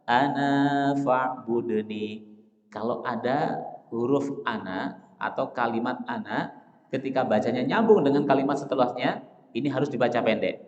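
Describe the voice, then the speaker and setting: A man's voice: mid-range voice, normal speed, darkish tone, highs cut off. Male mosque teacher in an echoey hall. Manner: asks the audience questions and answers them himself; addresses listeners as Pak, Bapak Ibu. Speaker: Islamic teacher. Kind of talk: dawn mosque study lecture.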